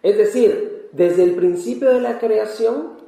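A missionary man from Peru preaching a sermon in short, measured phrases, pausing after each one. His voice sits a little high and mellow. The church hall around him is roomy and echoing. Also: gravelly. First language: Spanish. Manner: calm, measured, pausing for translation. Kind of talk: sermon with interpreter.

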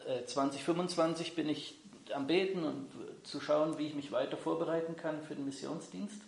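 Speaking at a moderate pace in a fairly high, steady, somewhat dark voice with vocal fry, a man runs a church gathering and interprets for a guest. His friendly, hesitant delivery is full of ums as he switches languages, and the hall echoes.

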